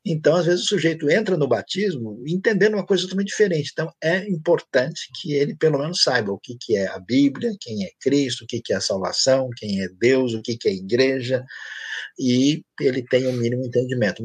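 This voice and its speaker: With a Brazilian Portuguese accent and a medium-pitched, breathy-edged voice, this man is recorded with no room sound. He's a pastor fielding questions in a church teaching session, talking through answers in a conversational style full of anecdotes.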